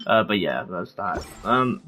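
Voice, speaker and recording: With game music behind him, a game streamer delivers casual commentary on his gameplay. His low voice is expressive and unhurried, and he tends to ramble, frequently leaving thoughts unfinished.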